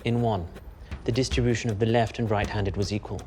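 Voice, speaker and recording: An actor playing a formal, grave inventor lost between worlds, speaking with a posh English accent. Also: male voice, fairly low pitch, steady tone, a little fast, a little mellow, slight background noise, natural voice. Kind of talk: film acting.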